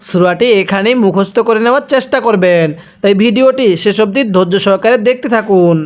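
A Quran recitation teacher spelling out letters and vowel marks one by one, then drilling each word slowly for listeners to repeat. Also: mid-range voice. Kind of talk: step-by-step recitation lesson.

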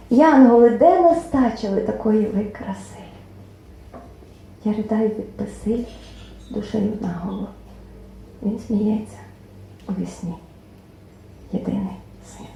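A woman poet reciting her own verse at a book presentation, expressive, with lines that trail off softly into near-whispers. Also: on the high side, gravelly. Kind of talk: poetry reading at a book presentation. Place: club event hall. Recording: very echoey hall, faint room noise.

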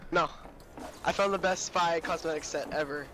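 A young man hosting a casual gaming session, chatting excitedly with a friend and repeating himself when reacting. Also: on the high side, normal speed, rough recording. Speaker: gamer and channel host.

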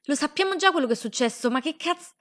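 Bright, excitable young woman. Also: high-pitched, fast. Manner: excitable, sarcastic, swears freely. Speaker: anime recap host. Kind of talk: comedic episode recap.

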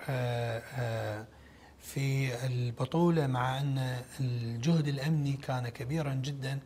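A middle-aged man with an Iraqi Arabic accent giving a formal television interview in a measured, halting way with pauses. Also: medium pitch, steady tone, a little mellow, slight background noise. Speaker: interview guest, official. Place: large indoor lobby, seated interview. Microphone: lapel microphone.

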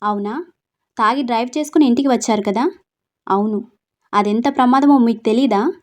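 A woman's voice: on the high side, fairly quick, lightly acted. A woman voicing a caring young wife who scolds her drunk husband, reading a storybook romance aloud. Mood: scolding. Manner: reproachful, earnest.

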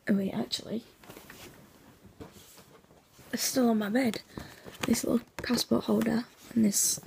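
A young woman chatting casually in a vlog, her voice hoarse and nearly gone, half-whispering and sleepy, rambling with lots of fillers. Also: fairly high pitch, mellow, slight background noise. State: sleepy, yawning. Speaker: vlogger.

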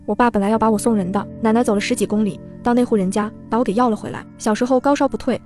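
A woman narrates a first-person folk horror story at a rapid clip. Her voice sits slightly high, and faint music plays under her reading. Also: fairly even intonation, darkish tone.

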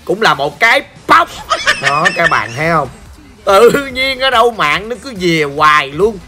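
A hoarse man with a Southern Vietnamese accent, chatting playfully through gameplay commentary and ribbing his viewers. His voice sits high and sounds bright, with faint music under it. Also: sing-song, a little slow. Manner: playful, joking, talks straight to viewers. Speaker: gaming channel host. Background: faint background music.

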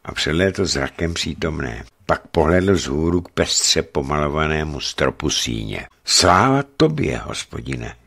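A man's voice: extremely low pitch, few pauses, fairly bright tone. A man reading a historical novel aloud for radio, telling the story expressively. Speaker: narrator.

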